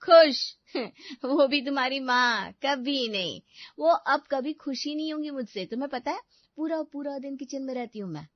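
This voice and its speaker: A woman voicing an overworked young wife in an animated family story, complaining and sarcastic. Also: high voice, normal speed, no room sound. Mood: indignant. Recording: dry, slightly dull studio recording.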